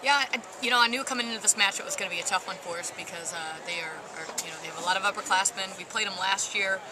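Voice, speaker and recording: Fast-talking woman coach in a headset. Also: medium pitch. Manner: rapid, filler-heavy answers with frequent "you know". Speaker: volleyball head coach. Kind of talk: postgame interview. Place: courtside in a large indoor arena. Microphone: headset microphone. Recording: arena crowd and background noise.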